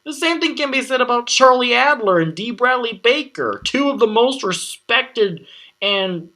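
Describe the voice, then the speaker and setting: A man giving an exasperated, sarcastic film review, swearing often and pausing to collect his thoughts. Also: very high voice, lively intonation, bright, forceful tone.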